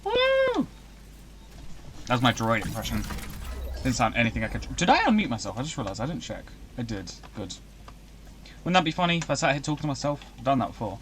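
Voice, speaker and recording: A young man chatting casually as he streams a video game, rambling and breaking into excited outbursts. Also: medium pitch, slight background noise. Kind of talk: casual live-stream commentary.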